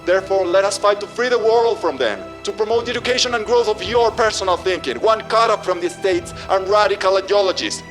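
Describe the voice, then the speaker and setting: A man playing a fervent orator in an impassioned, ranting political speech, exhorting the masses loudly and forcefully. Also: high-pitched, brisk, hardly any pauses, natural voice. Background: music.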